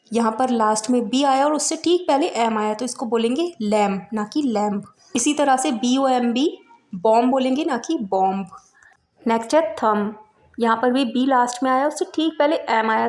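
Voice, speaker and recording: A woman teaching an English spelling lesson, patiently spelling words out letter by letter. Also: on the high side. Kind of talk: explanatory spelling lesson in Hindi.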